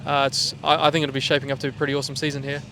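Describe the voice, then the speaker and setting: Very fast and forceful, his bright, high-leaning voice level in tone and marked by vocal fry, a New Zealand driver chats casually in slangy terms for an interview. Vehicle noise fills the outdoor trackside setting at the speedway.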